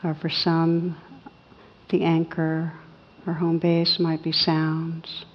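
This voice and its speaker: Female meditation guide: low, very even, husky voice, soothing and unhurried, muffled recording in a reverberant hall. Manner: soothing, unhurried, with long pauses between short phrases. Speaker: meditation teacher.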